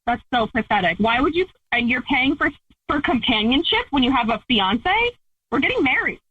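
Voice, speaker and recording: A woman's voice: sits high, sing-song, moderate pace, sharp tone, slightly rough, no echo. A woman on a phone call to a radio show, bluntly confronting her fiance. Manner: blunt, accusing. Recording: tinny phone line.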